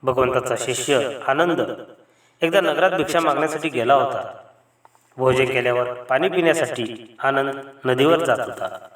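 A man reads a Buddhist scripture story aloud in a steady storytelling voice at a middle pitch. He sits back from the microphone, and the room rings with strong echo. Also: normal speed. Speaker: reader. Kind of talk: reading a Buddhist text aloud. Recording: echoey room, voice from a distance.

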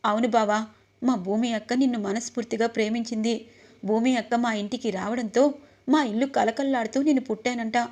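A woman's voice: on the high side, steady tone, brisk, a little mellow, lightly acted. A woman voicing a young boy, the bride's little brother, explaining innocently.

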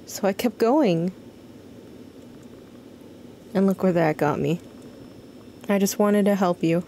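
A woman reads a masked doctor in a horror game, bitter and accusing. The delivery is slow, lowish and ominously calm, with coldly deliberate questions. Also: a little hiss or hum. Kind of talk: reading game dialogue aloud.

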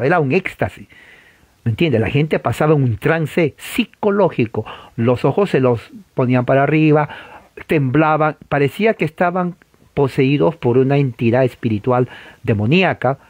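Animated man giving an informal lecture. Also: fairly high pitch, husky, dry recording. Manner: animated, conversational, frequent rhetorical asides. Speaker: church history teacher.

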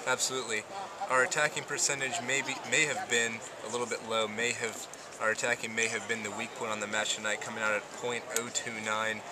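Man, student radio interviewer, monotone delivery, off-mic, heavy background noise. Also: mid-range voice, brisk, distant mic. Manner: flat, stat-laden scripted questions.

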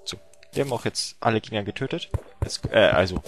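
A young man giving playful, self-mocking commentary on a game he is playing, often breaking into yelps and shouts. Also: lowish voice, animated, fast, creaky, soft background music. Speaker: let's play commentator. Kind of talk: casual gameplay commentary.

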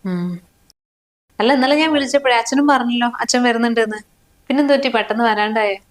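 A woman's voice: fairly high pitch, fast talker, natural voice. An actress playing a young wife and mother who pleads with her husband in a family short film.

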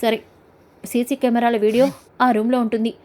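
A woman's voice: on the high side, level tone, a little fast, darkish tone, close to an everyday voice. A woman voicing a kindly, obliging bar worker.

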